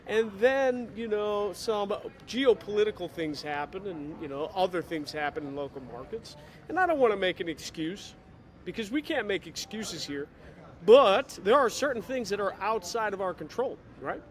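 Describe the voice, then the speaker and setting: Man, Chicago accent, somewhat high voice, energetic and chatty, casual video update, airport terminal. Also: moderate pace. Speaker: digital marketing consultant for auto dealers.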